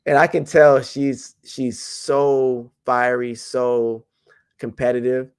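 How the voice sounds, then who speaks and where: A man's voice: medium pitch, slow pace, clean tone. A man, a track and field jumps coach, talking loosely in a podcast interview with many fillers and restarts. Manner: relaxed, rambling with fillers and restarts.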